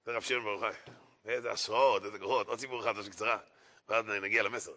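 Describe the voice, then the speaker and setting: A man's voice: on the low side, steady tone, bright, forceful tone. A man giving a storytelling sermon, stressing points by repeating phrases emphatically. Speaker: preacher.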